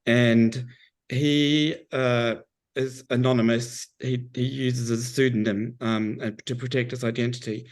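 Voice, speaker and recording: A man with a hoarse, froggy voice from a cold, informally explaining his research work in a hesitant, halting way. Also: medium pitch, fairly even intonation. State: losing his voice with a cold, clearing his throat. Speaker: academic researcher. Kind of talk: informal account of work to a group.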